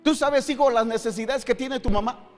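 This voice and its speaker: A middle-aged man preaching a sermon as pastor, emphatic, swinging between loud and hushed with many rhetorical questions. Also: extremely high pitch, fairly quick. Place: church hall. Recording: long hall reverb with faint guitar.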